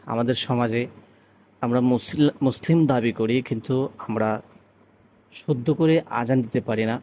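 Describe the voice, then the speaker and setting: A man from Bangladesh gives a call-to-prayer pronunciation lesson at a middle pitch. He explains step by step in a measured way, then slows into long, sung demonstrations of each phrase. His voice stays plain and even between explanations and chanting. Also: slight background noise. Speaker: azan teacher.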